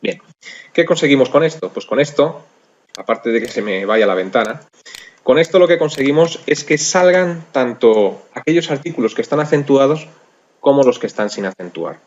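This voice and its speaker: A man's voice: mid-range voice, animated, normal speed, dull audio. A man with a Spanish accent from Spain, patiently explaining a spreadsheet program step by step in a screencast tutorial, with frequent fillers. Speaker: software instructor.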